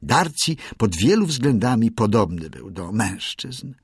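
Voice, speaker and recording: A man narrating an audiobook in an expressive storytelling manner. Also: lowish voice, unhurried, breathy edge, dry recording, studio quality. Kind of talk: audiobook reading.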